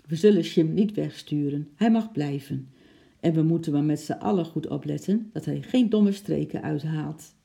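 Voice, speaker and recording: A storybook reader voicing a calm, kind mother who speaks gently and reassuringly. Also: mid-range voice, moderate pace, gravelly, natural voice. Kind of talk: storybook reading.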